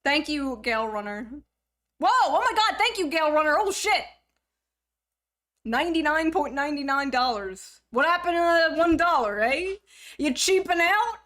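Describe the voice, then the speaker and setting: A woman in her thirties chats casually on her livestream, teasing viewers, cursing freely and laughing a lot. Her voice sits high and sounds a bit bright, with lively intonation.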